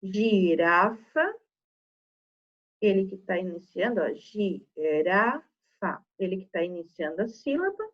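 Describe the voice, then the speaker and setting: A woman with a medium-pitched voice and wide swings in pitch, recorded with dull audio. She's a primary school teacher giving young children a remote lesson, dictating slowly and sounding out words syllable by syllable. After each point she checks in with "tá?"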